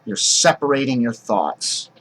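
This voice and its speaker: A drama teacher gives an acting lesson on how to speak verse, casual and explanatory, often restarting his sentences. He has a mid-range, fairly bright voice with big pitch swings and a measured pace. The recording is low-quality.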